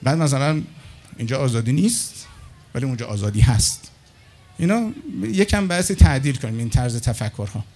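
A middle-aged man telling anecdotes in a casual monologue, acting out the other people's lines as he goes. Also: medium pitch. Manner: animated, acts out dialogue with others in his anecdotes. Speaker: storyteller.

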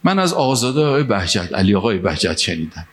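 A man from Mashhad, Iran, delivers a sermon in a fairly low, slightly bright voice full of energy. He tells a story and recites Arabic phrases and verse, climbing to emphatic peaks.

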